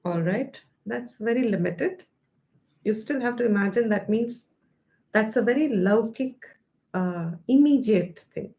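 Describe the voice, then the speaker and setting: An Indian woman leads a scripture study class in a voice pitched a little above usual. She explains patiently, slowing down to weigh each key term. Hindi phrases slip naturally into her English. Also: expressive, warm tone. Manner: explanatory, slows to stress key terms. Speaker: Vedanta teacher.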